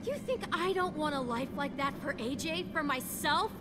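A woman's voice: sits high, expressive, normal speed, very noisy. A woman voicing a tough, weary teenage girl survivor in a video game drama, firm and impassioned. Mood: frustrated, firm.

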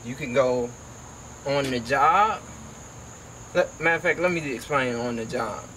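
Standing outside by a house, a young Georgia man who works as an HVAC technician and vlogs speaks in casual, emphatic slang for a motivational video. His voice sits in the mid-range, a little slow with a sharp tone. A slight hiss or hum runs through the recording.

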